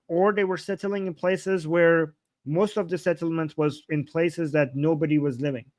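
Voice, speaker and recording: A man's voice: a little high, no echo. A man from Iran with an Iranian accent, hosting a live political reaction stream in an argumentative, insistent way, repeating points and asking rhetorical questions. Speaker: livestream host.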